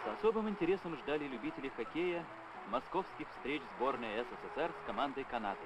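A man giving brisk, upbeat scripted narration of a hockey match, as an old Soviet newsreel voice-over. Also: on the high side, lively intonation, loud music behind the voice, low-quality recording. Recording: old newsreel sound over loud crowd and noise. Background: loud crowd and game noise.

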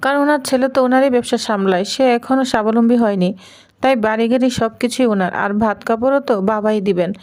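A woman's voice: on the high side, fast, a little mellow, lightly acted. A woman reading a defiant young bride. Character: bold young bride, quick-witted and defiant.

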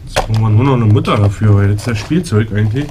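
A man's voice: fairly low pitch, fast. Casual man, noisy workshop recording. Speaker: bike mechanic vlogger. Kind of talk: casual hands-on commentary. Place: bicycle workshop. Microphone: action camera nearby. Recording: noisy action-camera sound.

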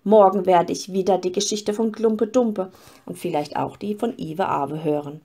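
A woman's voice: fairly low pitch, normal speed, warm tone. A woman voicing a naive, wistful young fir tree that wonders aloud. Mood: wondering. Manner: wondering, hopeful.

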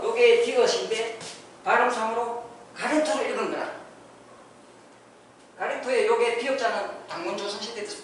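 Man, higher voice, lecturer, rhetorical questions, heavy hall echo, distant mic. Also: slight background noise. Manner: explains step by step with rhetorical questions. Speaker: lecturer on ancient Korean script. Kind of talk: lecture with board explanations. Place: lecture room. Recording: echoey hall, distant mic, faint ambience.

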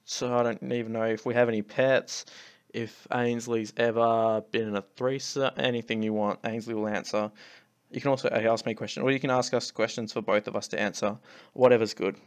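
A man talks through replays of his own game attacks in a loose, ranting way. He sounds fed up and swears freely. His voice sits at an ordinary middle pitch for a man. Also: little pitch movement, fairly quick, clean tone. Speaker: clan leader and channel host. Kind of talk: casual gameplay commentary over replays.

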